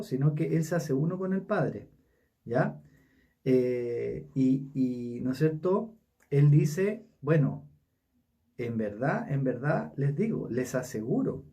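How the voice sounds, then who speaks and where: A man with a Chilean Spanish accent leading a casual Bible study, talking haltingly with many fillers and tag questions. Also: on the high side, mellow, far from the mic.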